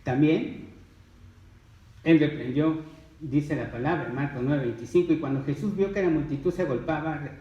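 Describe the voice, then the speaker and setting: A man's voice: fairly high pitch, moderate pace, roomy sound, recorded from a distance, muffled recording. A man preaching a sermon, emphatic and full of rhetorical questions.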